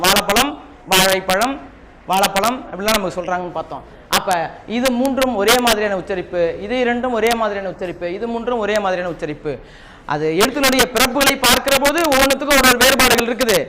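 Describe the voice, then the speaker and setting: A man teaching a Tamil class with a Tamil Nadu accent, repeating key points and quizzing his students. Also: very high voice. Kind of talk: classroom lesson. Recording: noisy classroom recording.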